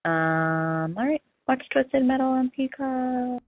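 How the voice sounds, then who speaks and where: A woman's voice: high voice, lively intonation, slow, no echo. A woman from New Hampshire leaving a chatty voice message for a podcast, with frequent ums, heard over a phone line. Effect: voice message played over a phone line. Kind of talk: casual voicemail question to a podcast.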